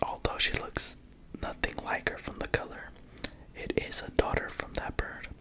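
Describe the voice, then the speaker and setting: The voice is a soft, unvoiced whisper from start to end. It narrates in ASMR style, hushed and confiding, as though passing on a secret to the listener. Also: normal speed. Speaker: racing pigeon keeper presenting own birds.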